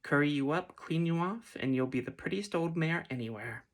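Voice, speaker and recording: A man voicing a clumsy, out-of-breath farmer who coaxes a horse, in a soft whispered role-play. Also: fairly high pitch, lively intonation, normal speed. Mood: coaxing. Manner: coaxing, panting.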